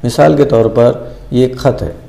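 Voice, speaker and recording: A man's voice: mid-range voice, slow, creaky, warm tone. A man teaching a math lesson, patiently repeating each step and answering his own questions.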